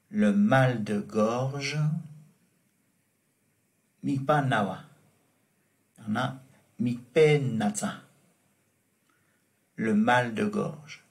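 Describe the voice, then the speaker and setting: A man from Tibet teaches French vocabulary, explained in Tibetan, at a crawling pace, saying each word twice and spelling out examples. His medium-pitched voice has a gravelly, fry-tinged edge in a middling register. He sounds patient, slow and deliberate, like a recorded classroom lesson.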